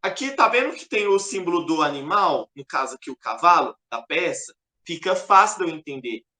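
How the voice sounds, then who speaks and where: Man, chess lesson, patient explaining, bright voice, roomy echo. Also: a little high, animated, a little fast. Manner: patient, repetitive, keeps pointing things out. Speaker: chess teacher. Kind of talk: explaining a lesson over a board. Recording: echoey room.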